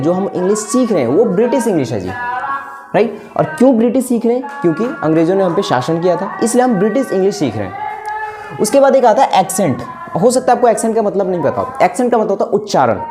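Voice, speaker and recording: A woman with an Indian accent teaching a spoken-English lesson, explaining step by step and often checking in with "right?". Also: medium pitch. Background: background music.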